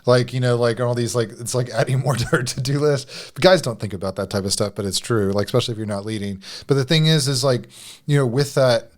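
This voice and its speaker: A man talks bluntly in a loose, rambling chat as a marriage coach. His voice sits at a middle pitch for a man. He piles up fillers and restarts as he makes his points. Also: fast. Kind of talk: casual chat about marriage.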